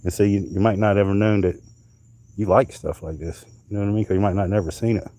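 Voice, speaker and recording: Talking fast in a steady, fairly low and dark voice, a middle-aged livestream host from North Carolina rambles casually about his finds and swears as he goes. He's outside at night in summer heat, with no echo.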